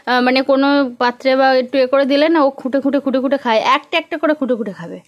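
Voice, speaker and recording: A woman with a West Bengal Bengali accent, chatting casually in a home vlog. Her voice sits high. She coos and repeats words playfully as she talks to her little girl. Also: fast, lo-fi sound. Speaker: vlogger and mother. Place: village home.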